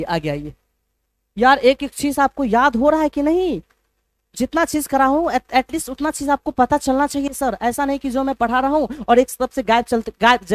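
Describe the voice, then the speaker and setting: A man's voice: extremely high pitch, no echo. A man teaching English in a live online class, playful and teasing, spelling words out letter by letter.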